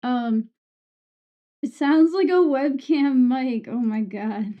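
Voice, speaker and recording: High-voiced woman streamer with harsh sibilant S's. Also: lively intonation, slow. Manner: sweary, self-deprecating. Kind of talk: casual livestream chat with viewers. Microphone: streaming microphone with EQ and compressor. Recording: muffled, dull microphone sound.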